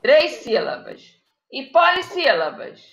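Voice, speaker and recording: Teaching young children live online, this primary school teacher with a Brazilian Portuguese accent dictates patiently and keeps checking in. Her high, gravelly voice swings hugely in pitch and moves slowly. The video-call audio sounds echoey and muffled, with slight background noise.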